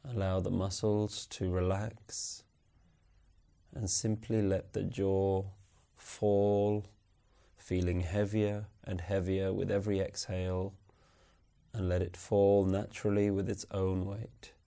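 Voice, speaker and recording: Slow, soothing male relaxation guide. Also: low-pitched, little pitch movement, gravelly, dark tone, clear, resonant tone. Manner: slow, soothing, unhurried instructions. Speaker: meditation guide.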